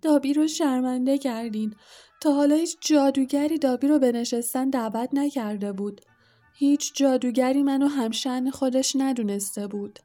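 A shrill, squeaky little house-elf who grovels and calls everyone sir, as a woman puts him on in an audiobook. The voice is high and soft-toned, with faint music underneath. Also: animated. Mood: emotional. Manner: self-abasing, calls everyone sir, talks of himself by name. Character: timid groveling male house-elf servant, small. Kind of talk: audiobook character voice.

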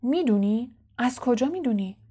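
A woman doing a worried, kindly father speaking low. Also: lively intonation, dark tone, husky. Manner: low, hurried, earnest. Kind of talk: audiobook character voice.

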